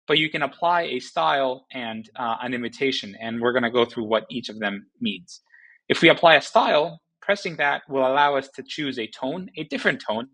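A man talks through a software tutorial in a loose, conversational way, often pausing on fillers and restarting his sentences. His voice is bright and forward, at a middle pitch for a man. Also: low-quality recording. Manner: relaxed, with frequent fillers and restarts. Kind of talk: casual screen-recording walkthrough.

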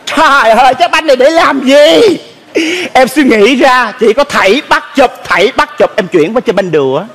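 A flamboyant grown son with a very high, fluttery voice. He whines in a fussy, theatrical way and lays the blame on everyone around him. The sketch is performed on stage. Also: lively intonation, normal speed, fairly bright tone, a little hiss or hum, full character voice. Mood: whiny. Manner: flamboyant, whining complaints.

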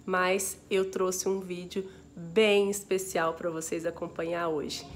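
A woman's voice: on the low side, little pitch movement, slow pace, soft background music. A woman with a Brazilian Portuguese accent chatting casually to camera as a home vlogger, affectionate and full of exclamations. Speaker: family vlogger. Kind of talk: casual vlog chat to camera. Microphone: phone video.

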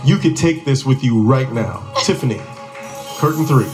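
Game show host guy, lively up and down voice, music and crowd in the back. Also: mid-range voice, moderate pace. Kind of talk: unscripted game show hosting. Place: large TV studio. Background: music and studio audience.

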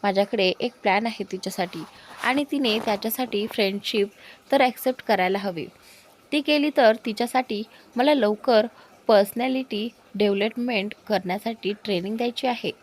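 A woman's voice: mid-range voice, normal speed, lightly acted. A woman reading the lines of an eager, impatient young man in a spoken love story, pushy and pleading. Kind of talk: storybook character voice.

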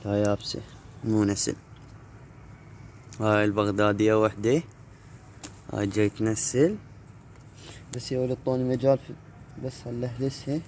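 A man with an Iraqi Arabic accent hosts a casual handheld vlog about his pigeons, shot on his phone in an open rooftop yard with low brick walls. His voice is fairly low and a little mellow, level in tone at a normal speed, with frequent pauses. Faint background noise sits under the outdoor recording.

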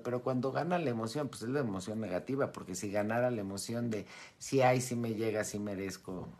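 A middle-aged woman giving an animated talk to her followers as a spiritual teacher, often acting out the voices she quotes and laughing. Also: rumbling low. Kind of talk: live-streamed talk to followers.

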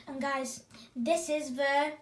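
A high-pitched female voice hosts a casual unboxing vlog, speaking slowly and unhurriedly. She sounds eager and rambling, and she often restarts and corrects herself mid-sentence. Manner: excited, rambling, self-correcting. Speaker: gaming channel host.

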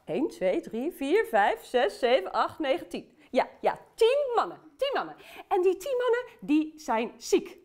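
A woman playing bubbly Aunt Til, high and lively. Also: measured pace, a little hiss or hum, full character voice. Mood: cheerful. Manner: playful, chatty, addresses children directly. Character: cheerful chatty aunt, playful and bubbly. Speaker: children's Bible storyteller. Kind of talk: children's Bible story for kids' TV.

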